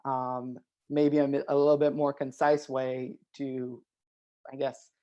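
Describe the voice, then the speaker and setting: Halting casual guest on a video call, mid-pitched voice, muffled low-fi sound. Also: darkish tone. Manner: hesitant, many ums and uhs. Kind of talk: casual webinar discussion.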